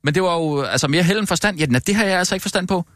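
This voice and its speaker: Slightly high male voice, flustered peacemaker, dry close mic. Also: fairly bright tone, dry recording. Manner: flustered, placating. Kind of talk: improvised comedy sketch.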